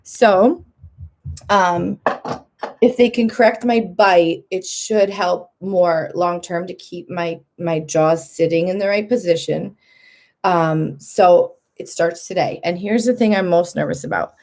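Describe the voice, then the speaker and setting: A woman's voice: on the low side, slow pace, a little mellow. A woman in her thirties talking candidly to camera in a casual vlog, chatty, laughing often and acting out what other people say. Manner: acts out other people's lines in a lifted voice. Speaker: vlogger.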